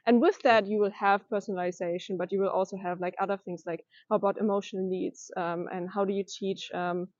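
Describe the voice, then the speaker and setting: A young woman from Germany answers interview questions, thinking aloud with pauses and restarts. Her voice sits at a middle pitch. The recording is dry and a little muffled. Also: steady tone, a little mellow, no echo. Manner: thoughtful, hesitant, with many fillers and restarts. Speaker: interviewee, education data science master's student.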